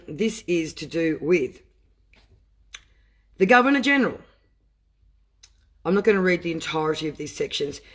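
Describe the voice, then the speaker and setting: A man who reads legal text aloud slowly and breaks into impassioned, emotional asides. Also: fairly high pitch, animated. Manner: deliberate reading broken by impassioned asides. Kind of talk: reading aloud and commenting.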